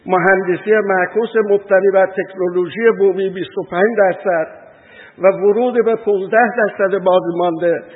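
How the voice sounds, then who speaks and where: Guy reading a formal speech, high voice, sounds thin like a phone line, long echo in a big hall. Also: steady tone. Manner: reads formal lists at a measured pace. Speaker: industry association representative.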